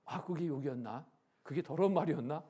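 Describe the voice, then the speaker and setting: A man voicing an indignant, foul-mouthed old village grandmother in sharp, scolding outbursts within a sermon story. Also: a little high, fairly quick, breathy edge. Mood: flustered.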